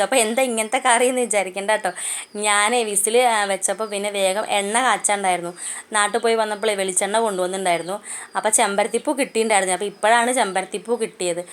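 A fast-talking woman with a Malayali accent walks viewers through a home recipe in a chatty, homely way, sprinkling friendly asides through her steps. Her voice sits at a middle pitch, and she is recorded on a phone in her home kitchen. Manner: chatty, homely, keeps adding "kettō" asides. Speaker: cooking channel host. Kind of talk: casual cooking vlog narration.

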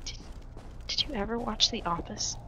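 A woman's voice: on the high side, normal speed, vocal fry, sharp tone. A woman chatting playfully with teammates and calling out positions in an online shooter match. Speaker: online game player. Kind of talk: casual gaming chat. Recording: gunfire game noise.

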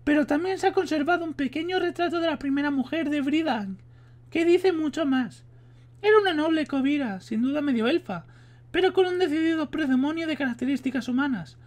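A man from Spain reading aloud and putting on a high falsetto for a sorceress woman who tells history, stumbling now and then over the words. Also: fairly quick, a little mellow. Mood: storytelling. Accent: Spain Spanish. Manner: reads with stumbles and restarts. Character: poised adult sorceress woman telling history.

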